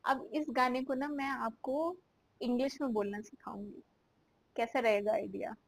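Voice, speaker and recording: A woman with a fairly high voice teaches English idioms through Hindi explanations. She says each example sentence slowly and with careful spacing. The sound is dry and close, with little room echo. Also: steady tone, gravelly.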